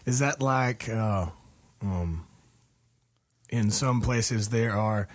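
A man's voice: lowish voice, very slow, no echo. A man hosting a casual podcast from his home, chatty and fond of corny jokes. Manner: jokey, chatty, laughs easily. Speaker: podcast host, singer-songwriter. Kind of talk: casual chat. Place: home studio.

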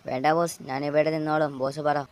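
A man's voice: a little high, flat delivery, fast talker, smooth, close to an everyday voice. A young man voicing a pleading, fired worker. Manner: pleading, close to tears. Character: young man just fired, anxious and desperate. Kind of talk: amateur Malayalam dub of a game short film.

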